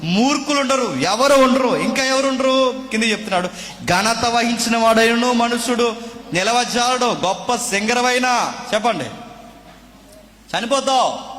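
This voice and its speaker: A man preaching a sermon, firing rhetorical questions at the congregation and swinging between loud declaiming and hushed asides. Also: very high-pitched, unhurried, pauses often, big-room sound. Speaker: pastor.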